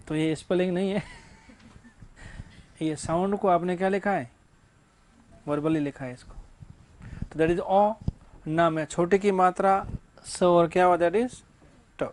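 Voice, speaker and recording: A man's voice: high-pitched, unhurried, long pauses. A male English teacher giving a classroom grammar lecture, asking rhetorical questions and answering them himself, with casual joking asides.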